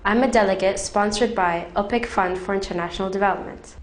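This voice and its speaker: A woman's voice: mid-range voice, brisk, reverberant, low-quality recording. A woman in her twenties from Saudi Arabia, a youth delegate, answering interview questions in an earnest, direct way. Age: 20s.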